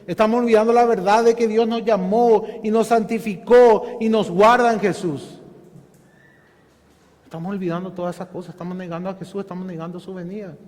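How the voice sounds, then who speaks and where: High-voiced preaching man in echoing hall. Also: steady tone, fairly quick, darkish tone. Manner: earnest preaching with rhetorical questions, repeatedly addressing "hermanos". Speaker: pastor. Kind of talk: Bible study sermon. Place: church hall.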